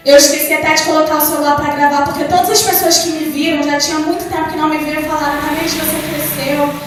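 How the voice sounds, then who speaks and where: A woman's voice: high voice, flat delivery, quick pace, over music. A young Brazilian woman with a Brazilian accent preaching her testimony in church, telling her story with passion and quoting her prayers. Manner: impassioned, storytelling with quoted prayers. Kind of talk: testimony sermon. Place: church service hall. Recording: very echoey hall from far off.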